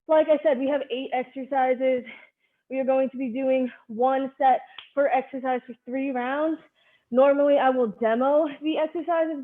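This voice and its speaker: Casting: female online HIIT coach with a higher-than-average voice, instructing in brief directive cues and counts, heard through narrow, phone-quality audio. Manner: directive, short clipped cues. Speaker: fitness instructor leading a live online HIIT class. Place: live online video class.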